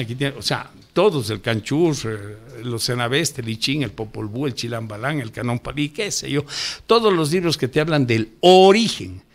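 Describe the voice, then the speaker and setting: An older man, a ufologist guest on a radio interview, lecturing emphatically and pushing his voice up to stress his points. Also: fairly high pitch. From Ecuador. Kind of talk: radio interview, impassioned explaining.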